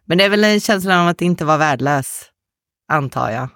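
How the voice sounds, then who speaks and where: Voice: medium pitch, expressive, a bit bright, no room sound, clean studio sound. A podcast co-host in casual chat, talking in a gloomy, wry and self-mocking way.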